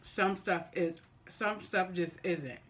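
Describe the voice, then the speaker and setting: A mid-pitched vlogger shares opinions casually with viewers. The delivery is slow and deliberate, halting often and circling back to rephrase. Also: fairly bright tone. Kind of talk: casual opinion talk to viewers during a mukbang.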